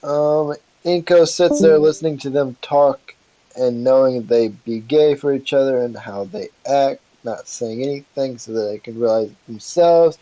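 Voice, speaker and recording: A man's voice: medium pitch, unhurried, warm tone, dry recording. Man, casual fan-story narration, rambling, voice call, muffled lo-fi audio, dry. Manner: rambling, loose, with fillers and asides.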